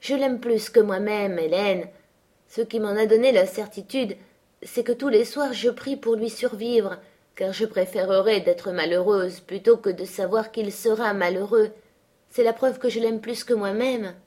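A woman voicing an impulsive, stubborn young girl in an audiobook, high and eager. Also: measured pace, dark tone, natural voice. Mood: earnest. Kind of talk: audiobook character voice.

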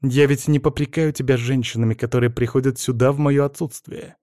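A man's voice: mid-range voice, fairly even intonation, a little fast, warm tone, no echo, clean studio sound, natural voice. A man voicing a bitter, wounded young wife. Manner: bitter, reproachful. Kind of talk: audiobook character reading.

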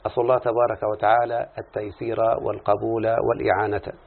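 Here an Egyptian sheikh delivers a recorded lesson on Arabic morphology in a fairly low, level voice that is creaky with a breathy edge, moving at a quick pace. He repeatedly questions his students before answering himself, going back and forth between classical and colloquial Arabic. Audio quality is lo-fi and tinny, as if over a phone.

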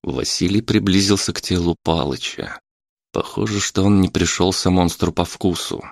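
Deep-voiced male audiobook narrator. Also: moderate pace, vocal fry, dry recording, studio quality. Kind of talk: scripted narration.

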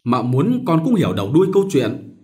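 A man voicing an ailing, gentle mother who fusses over her son, with a raised, soft motherly tone, in an audiobook story reading. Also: medium pitch, big pitch swings, a little fast, natural voice. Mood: tender.

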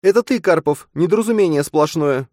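A man's voice: a little high, lively intonation, a little fast, no echo, studio quality, voice pushed up, natural voice. A man voicing a furious, scornful young woman who scolds her fiancé, in an audiobook. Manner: shouting, contemptuous, scolding. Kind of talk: audiobook character voice.

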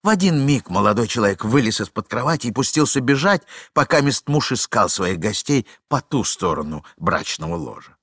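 A man narrating a classic story as an audiobook reader, in an expressive storytelling manner. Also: medium pitch, moderate pace, hardly any pauses, breathy edge, no echo, clean studio sound.

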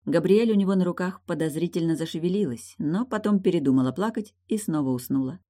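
A woman reading an audiobook in scripted narration, even and storytelling. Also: fairly low pitch, fast talker.

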